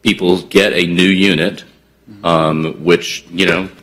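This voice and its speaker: Male developer, deep voice, measured and explanatory, frequent fillers, public meeting testimony. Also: flat delivery, a bit bright. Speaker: housing developer presenting to commissioners.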